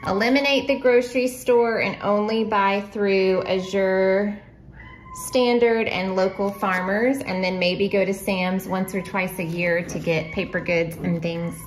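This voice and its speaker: A woman in her thirties, a vlogger, chats casually at home through a grocery haul, rambling with little asides and sounding slightly out of breath. Her medium-pitched voice is steady and unhurried, though the audio is poor with slight background noise.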